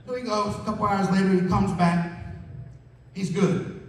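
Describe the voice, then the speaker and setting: A man's voice: high voice, steady tone, normal speed, slight background noise. A man telling profane stories at an open mic, acting out the dialogue. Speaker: stand-up comedian. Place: comedy club stage. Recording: echoey hall, distant mic, crowd.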